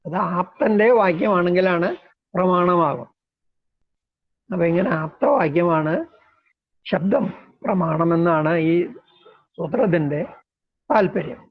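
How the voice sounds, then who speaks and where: Man, high-pitched, measured lecturing, step-by-step explanations, muffled lo-fi sound. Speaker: lecturer on Indian logic. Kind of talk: deliberate philosophy lecture. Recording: dull lo-fi recording.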